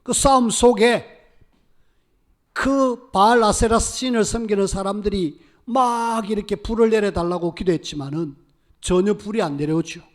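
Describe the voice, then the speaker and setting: A man preaching a sermon, his voice sitting high for a man. He speaks with emphatic force and voices the pleas of biblical figures as fervent prayers. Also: normal speed. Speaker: pastor.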